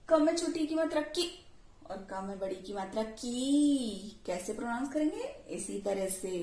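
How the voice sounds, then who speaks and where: Slow, high-voiced woman teaching in an echoey room. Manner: slow, drawn-out syllables for repetition; asks checking questions to the class. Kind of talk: children's Hindi letters lesson. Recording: echoey room with faint ambient noise.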